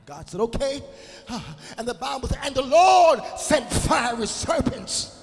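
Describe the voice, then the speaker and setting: A man preaching a sermon in a church, chanting in a sing-song rhythm with frequent "uh" fillers and shouted peaks. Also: very high voice, very animated, a little slow, vocal fry. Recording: long hall reverb with faint music.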